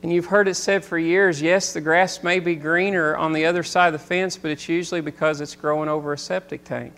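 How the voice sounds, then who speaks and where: Delivering a sermon, this forties-aged pastor speaks fairly quickly in a fairly high voice with a steady tone. He swells to loud, intense moments before dropping back into quiet reflection.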